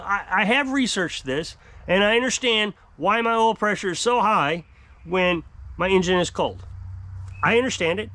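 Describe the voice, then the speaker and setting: An exasperated man in his fifties, an off-grid homestead vlogger, rants to the camera in frustration from a covered outdoor porch beside the woods. His voice is high-pitched, bright and forceful, with no echo. He speaks emphatically and gestures widely.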